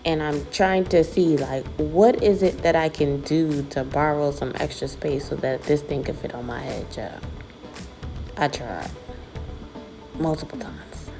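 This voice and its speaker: A woman in her thirties chats her way through a wig review in a casual, self-deprecating tone. Her voice sits low with a gravelly fry, and soft music plays faintly behind her. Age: 30s. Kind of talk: casual product review vlog.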